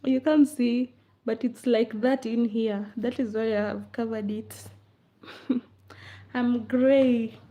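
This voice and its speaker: A woman's voice: a little high, steady tone, slow pace. A woman chatting casually on a livestream, answering comments in a playful, teasing way and laughing often. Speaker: livestream host. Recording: dull lo-fi livestream audio.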